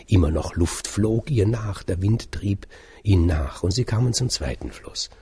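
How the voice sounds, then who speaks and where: A man telling a fairy tale aloud in a calm, measured way, dropping at times to a soft whisper. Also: deep voice, husky. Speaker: storyteller. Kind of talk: oral fairy-tale storytelling.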